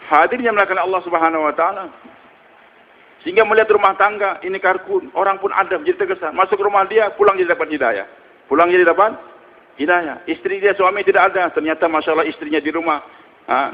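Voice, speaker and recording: High-voiced preacher in an echoing hall. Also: male voice. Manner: storytelling preacher with rhetorical questions and murmured "hmm" tags. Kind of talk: religious sermon. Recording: muffled with long hall reverb.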